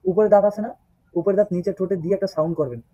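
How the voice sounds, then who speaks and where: A man teaching German over a video call, patient and repetitive. His voice is dark and husky, and the call audio sounds dull and lo-fi. He sounds close to a laptop mic. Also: high-pitched, very fast, dry recording. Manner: patient, repeats each sound several times. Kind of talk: online class, spelling the alphabet aloud.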